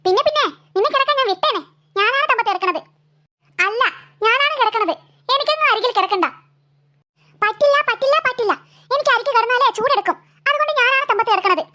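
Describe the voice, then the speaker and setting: A woman's voice: very high voice, animated, fast talker, pushed and bright, full character voice. A woman playing a whiny cartoon girl. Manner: whining, pleading to her mother. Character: whiny bickering little girl. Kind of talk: cartoon voice acting.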